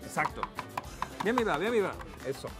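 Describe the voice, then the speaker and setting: A male chocolatier walks viewers through a recipe in a TV studio kitchen with patient, instructive explanations. Clear music plays underneath. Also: sits high, very animated, moderate pace. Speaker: chocolatier guest. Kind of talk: cooking demonstration.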